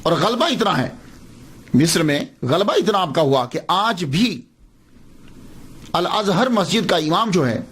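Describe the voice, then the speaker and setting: A man's voice: sits high, lively intonation, long pauses, fairly bright tone, breathy edge. A man giving a patient, explanatory religious lecture, repeating words to stress how they are said.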